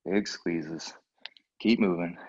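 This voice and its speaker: A man's voice: low-pitched, takes it slowly, darkish tone, breathy edge, dull audio. A man coaching a workout like an aerobics instructor, casually giving short encouraging cues and countdowns while exerting himself. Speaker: fitness instructor.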